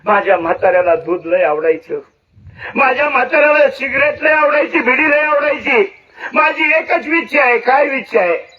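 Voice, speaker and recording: A man voicing a ninety-five-year-old widow with slow, pleading village speech. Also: very high voice, lively intonation. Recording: distant muffled lo-fi recording.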